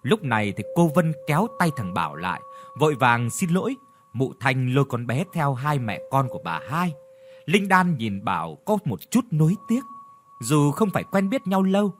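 A man narrating a scripted audio story in an expressive, dramatic storytelling manner. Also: medium pitch, slight background noise.

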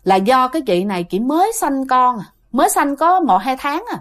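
A woman's voice: sits high, big pitch swings, normal speed. A woman narrating a ghost story in a chatty way, speaking straight to her listeners. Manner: chatty, talks to listeners directly.

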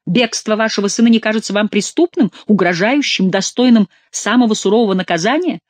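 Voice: fairly quick, dry recording, natural voice. A reader voicing a hysterical king, a man who wails and rants in an overwrought way. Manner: wailing, shrill, overwrought. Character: hysterical King, middle-aged man, excitable.

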